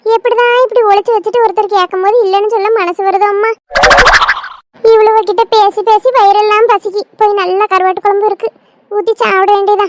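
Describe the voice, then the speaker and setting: A woman's voice: extremely high pitch, flat delivery, a little fast, a little hiss or hum. A woman voicing a young wife in a cartoon, chatty and grumbling. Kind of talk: cartoon comedy voice acting.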